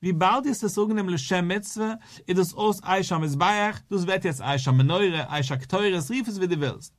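A rabbi leads a Talmud lesson in a sing-song study cadence. His voice sits a little higher than most men's. He circles back and repeats his key phrases as he explains. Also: moderate pace. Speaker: rabbi teaching daily Talmud page.

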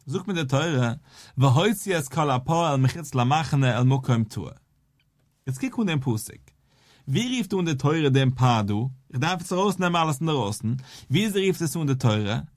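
A man's voice: medium pitch, animated, moderate pace, no room sound, studio quality. A rabbi teaching a daily Talmud lesson. He explains step by step, posing and answering questions in a sing-song study cadence.

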